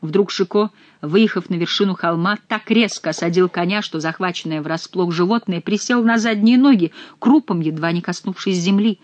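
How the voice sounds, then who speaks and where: A woman reading a classic adventure novel aloud with expressive, animated storytelling. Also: lowish voice, moderate pace, dry recording. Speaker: audiobook narrator. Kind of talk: scripted narration of a novel.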